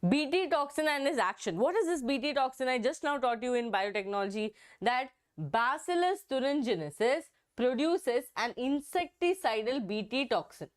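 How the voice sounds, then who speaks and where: A young woman with a hoarse, strained voice from a throat infection, teaching an exam-prep biology lesson and repeating herself with frequent "okay"s. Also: sits high, animated, moderate pace, few pauses. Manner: repetitive, checks in with "okay".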